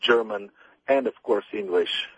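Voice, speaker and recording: A young Bulgarian-native man phones in to a radio show, speaking hesitantly and earnestly with lots of ums. His voice is on the low side, a little slow, slightly bright and husky, captured in a dry, lo-fi recording.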